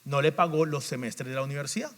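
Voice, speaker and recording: A pastor preaching a sermon, asking rhetorical questions and stacking lists, moving between quiet asides and loud emphatic peaks. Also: male voice, a little high, fast talker. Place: church sanctuary. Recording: long hall reverb.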